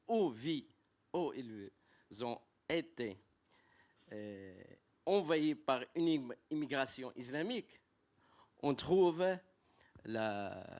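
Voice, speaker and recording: Male audience speaker from Italy, foreign accent, non-native broken French. Slow, halting delivery with emphatic key words, average pitch. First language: not French. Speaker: audience member at a conference. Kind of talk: impromptu public remarks.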